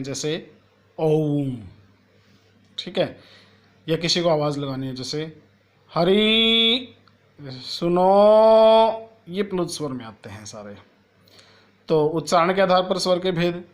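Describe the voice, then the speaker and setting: A man teaching a school grammar lesson to children. He asks a question and then answers it himself, and he spells out sounds one at a time. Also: fairly high pitch. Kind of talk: classroom lesson explaining Hindi grammar to children.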